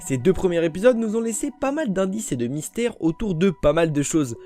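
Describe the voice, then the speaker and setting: Male explainer narrator, fairly high voice, addresses viewers directly, faint music underneath. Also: big pitch swings, fairly quick, mellow. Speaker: video creator.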